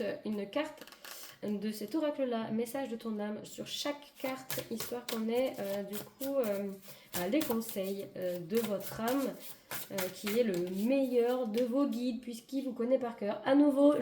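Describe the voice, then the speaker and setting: A woman doing a casual, improvised card reading for viewers, hesitant and searching for words, her hoarse voice giving out. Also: a little high. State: hoarse voice giving out, clearing throat. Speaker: tarot and oracle card reader. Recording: echoey room with clear background noise.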